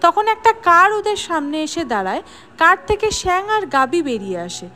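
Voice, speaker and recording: A woman's voice: very high voice, moderate pace, a little hiss or hum. A woman narrating the plot of a drama scene by scene and reading out the characters' lines as she goes. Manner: lively storytelling, reading out each character's lines. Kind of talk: scripted story narration.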